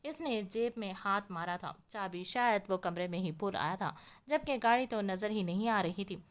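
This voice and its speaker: A woman's voice: medium pitch, moderate pace. Woman narrating a romance novel. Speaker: audiobook narrator. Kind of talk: novel reading.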